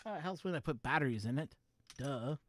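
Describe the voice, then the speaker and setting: A man's voice: fairly high pitch, animated, brisk, a little hiss or hum. A man hosting a casual live stream, chatting loosely to his viewers as he tinkers with his gear. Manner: rambling, chatty, talks to his viewers while fiddling with gear. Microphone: wireless USB microphone.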